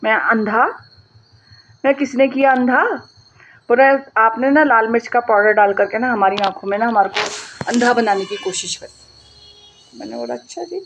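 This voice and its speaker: A woman vlogger telling a personal story in a casual, animated way, acting out the voices of the people she quotes and swearing now and then. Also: fairly high pitch, normal speed, long pauses, a little hiss or hum.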